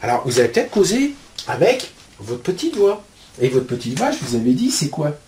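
A man teaching spiritual ideas in a loose, colloquial way. His pitch swings widely as he talks, and he throws in blunt slang and constant little asides. He sounds like he is explaining things at a board. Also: sing-song, a little fast, darkish tone, slight background noise.

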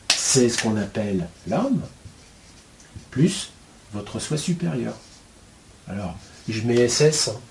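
A man's voice: mid-range voice, darkish tone, a little hiss or hum. A man giving a spiritual lecture at a board, colloquial and blunt, full of asides. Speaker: spiritual teacher.

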